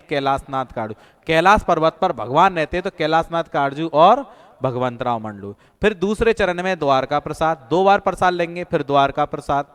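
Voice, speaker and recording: A man teaches an online exam-prep class. He drills names through little stories and repetition. His voice is smooth and slightly high, with a long echo from the room. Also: a bit bright. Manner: storytelling, repetitive memory drills. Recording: echoey room with long reverb.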